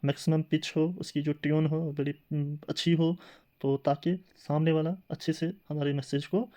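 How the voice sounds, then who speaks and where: A man's voice: on the high side, flat delivery, normal speed, dark tone. A man teaching a classroom lecture in tinged speech, explaining step by step with rhetorical questions and filler sounds.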